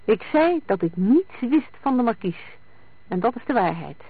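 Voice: mid-range voice, big pitch swings, normal speed, breathy edge, no echo, voice pushed up. A reader voicing a nervous, evasive young petty crook who keeps protesting his innocence. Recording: dry, tinny lo-fi sound.

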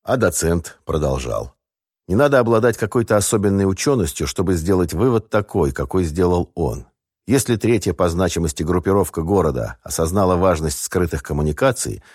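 A man narrates a first-person audiobook in a measured, wry way. His voice is very low and the booth sound is dry and close. The reading is steady and scripted. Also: breathy edge, dry recording.

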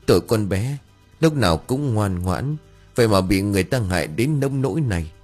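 A man's voice: on the low side, animated, moderate pace, a little mellow, faint music behind. A man voicing an older village man at a funeral, earnest and stammering as he pleads. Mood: sorrowful.

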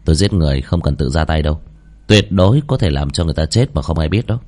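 A man voicing a calm, scheming young man who speaks low and composed in an audio story. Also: moderate pace. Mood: menacing.

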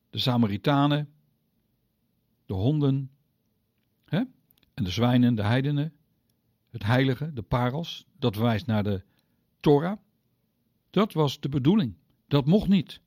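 A man teaching the Bible on the radio, speaking directly to his listeners and explaining step by step, with sudden pitch leaps on key words. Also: a little mellow, no echo, studio quality.

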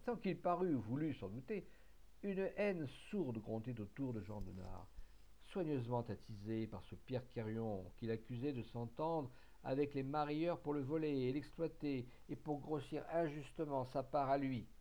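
A man reading a classic short story aloud in a measured, expressive way. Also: medium pitch, lo-fi sound. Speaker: audiobook reader. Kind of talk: literary narration.

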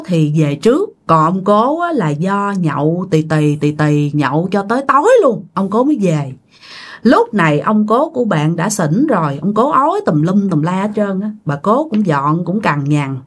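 A woman telling a ghost story in a casual, chatty way, talking straight to her listeners. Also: mid-range voice. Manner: chatty, addresses listeners directly.

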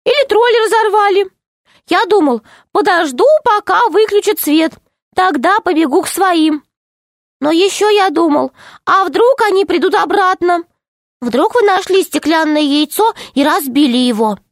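Cast: woman doing a tiny jumpy gnome, high and squeaky, bouncing pitch. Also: measured pace, no echo, studio quality, heavily acted. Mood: worried. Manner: squeaky, excited exclamations. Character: small frightened excitable male gnome.

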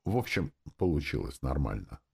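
A man narrating a fantasy audiobook in a lively reading style, voicing the crowd and characters as he goes. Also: rumbling low, normal speed, vocal fry, slightly rough.

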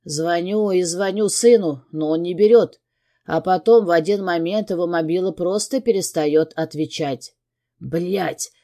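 A woman's voice: lowish voice, measured pace, dark tone. A woman narrating a first-person novel as an audiobook, reading in a tense, dramatic way.

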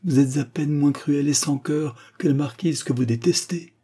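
A man's voice: medium pitch, steady tone, moderate pace, warm tone, slightly rough, pitched above the performer's own voice, lightly acted. A man reading the part of a passionate young male poet in an audiobook, exalted and pleading. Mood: impassioned.

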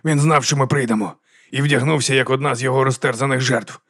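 A man puts on a jumpy male police officer in an audiobook thriller, rattled and quick to curse. The voice stays close to a plain mid-pitched reading voice, recorded dry and close. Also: fairly even intonation, fairly bright tone, no room sound, natural voice. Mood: tense.

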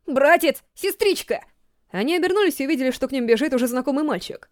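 A woman reading a story aloud in a steady, measured audiobook narration. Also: high-pitched, no room sound, studio quality. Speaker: audiobook reader.

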